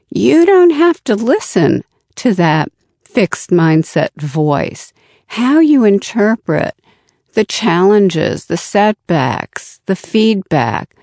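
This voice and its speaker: A woman answering interview questions in a slow, deliberate way, now and then acting out the voices in one's head. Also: fairly low pitch, a little mellow, dry recording, clean studio sound. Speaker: guest expert.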